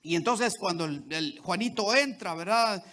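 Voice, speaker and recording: High-pitched guy preaching a sermon, keeps asking the church "right?". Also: expressive, normal speed, sharp tone. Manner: repeats "¿verdad?" and "¿sí?" to the congregation, with many restarts.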